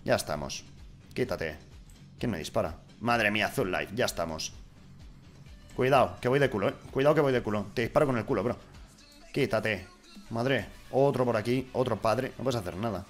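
A young man from giving casual, excitable gameplay commentary, swearing and swinging from mutters to shouts. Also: lowish voice, normal speed, soft background music. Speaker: gaming YouTuber.

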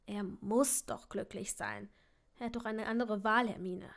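A woman reading aloud, voicing a tired, brooding young father in a low, hushed voice with whispered turns. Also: steady tone, measured pace, gravelly. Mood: troubled.

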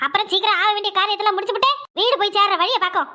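A woman's voice: very high-pitched, fairly even intonation, very fast, bright, forceful tone. A woman voicing a harsh, mocking mother-in-law in a cartoon. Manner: scolding, blunt and mocking. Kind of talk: cartoon voice acting.

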